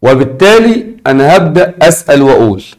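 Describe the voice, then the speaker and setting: A teacher with an Egyptian Arabic accent and a voice pitched a little above most men's. He drags out the words that matter and keeps asking his students questions. He repeats himself to make the point stick. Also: big pitch swings, quick pace. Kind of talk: recorded lesson.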